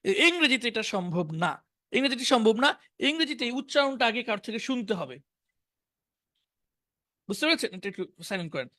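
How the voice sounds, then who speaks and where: A man teaching a live online English class in Bangla, chatting casually and then reading out vocabulary, saying each word twice and slowly. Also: extremely high pitch, very animated, pushed and bright.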